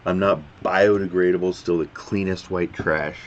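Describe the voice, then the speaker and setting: A man's voice: low-pitched, fairly even intonation, normal speed. A man giving casual reaction commentary, rambling and often stopping to restart his sentences. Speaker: reaction video host. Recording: dull lo-fi sound with faint background noise.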